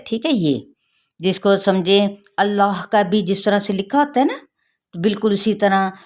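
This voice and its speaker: A woman teaching Quran recitation rules, patiently explaining each rule and then reciting the words slowly. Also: mid-range voice. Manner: patient, repeats rules, checks with "theek hai".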